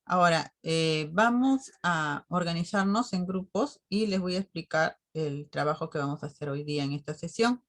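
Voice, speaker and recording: A woman teacher speaks over a video call in a calm, explaining way. Her voice sits fairly low for a woman as she sets up group work and answers questions. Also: moderate pace, few pauses. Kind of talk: online class teaching.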